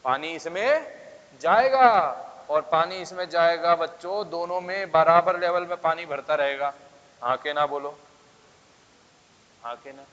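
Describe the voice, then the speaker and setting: Male classroom teacher, slightly high voice, keeps quizzing the class; dull, echoing hall sound. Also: fairly bright tone. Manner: coaxing, keeps asking the class questions. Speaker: physics teacher. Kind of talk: classroom lecture. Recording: dull sound with long reverb.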